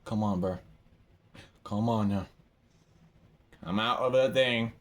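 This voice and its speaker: A young man giving excitable live commentary while playing a game, swinging from hushed mumbling to yelling. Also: fairly low pitch, slow. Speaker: gamer.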